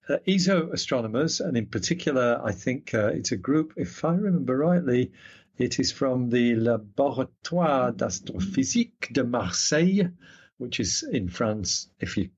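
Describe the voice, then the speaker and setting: A man's voice: medium pitch, sing-song, normal speed, husky, dull audio. A man explaining astronomy in a casual chat, using everyday analogies and wry asides. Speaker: astronomy commentator.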